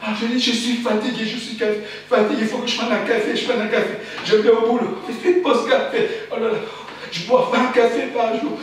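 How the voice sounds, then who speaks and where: Male solo performer, theatrical spoken-word monologue: frantic repetitive chanting, self-questioning, loud-to-hushed swings; far from the mic in a boomy room. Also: fairly even intonation. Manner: talks to himself in quick questions and answers. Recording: very roomy, distant, faint background hiss.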